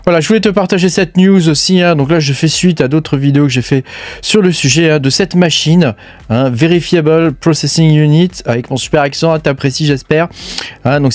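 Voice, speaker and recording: A man's voice: on the high side, darkish tone, no echo. Chatty French man, dry close sound. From France. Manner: chatty, filler-heavy, addresses viewer as tu; blunt, swears casually. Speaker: crypto mining YouTuber. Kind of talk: casual commentary over charts.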